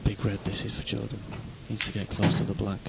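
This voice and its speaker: A man's voice: lowish voice, flat delivery, fairly quick, creaky. A man commentating live on a pool match, chatty with wry asides to viewers. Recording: dull lo-fi stream audio with noise.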